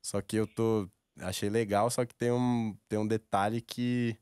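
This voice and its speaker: A man's voice: lowish voice, flat delivery, a little slow, darkish tone, clear, resonant tone, dry recording. A Brazilian man in his twenties in casual, coaxing, slangy chat at a studio microphone. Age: 20s. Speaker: radio prank caller. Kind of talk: casual persuasive phone prank chat. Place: radio studio. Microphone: studio microphone on desk stand.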